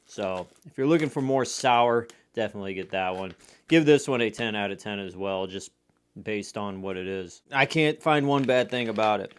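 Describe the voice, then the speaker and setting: A man's voice: on the low side, animated, moderate pace, clear, resonant tone. A man casually reviewing candy for viewers, eating sour candy as he talks and reacting to the sourness.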